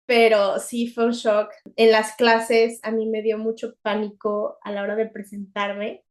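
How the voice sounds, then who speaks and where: A young woman with a Mexican accent, co-hosting a podcast in a chatty, animated way and laughing often. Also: fairly high pitch, measured pace. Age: young adult. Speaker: podcast co-host. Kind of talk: casual chat.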